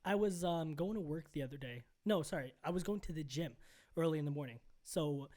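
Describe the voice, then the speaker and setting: A young man co-hosting a podcast, telling a story in casual chat, animated and full of "like" and "bro". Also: fairly high pitch, brisk. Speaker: podcast co-host.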